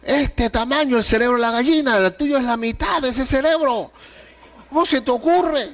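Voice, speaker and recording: Guy acting out a harsh scolding dad, mocking, voice pushed up high and a bit distant. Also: moderate pace, a bit bright. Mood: exasperated scolding. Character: stern father scolding his young son.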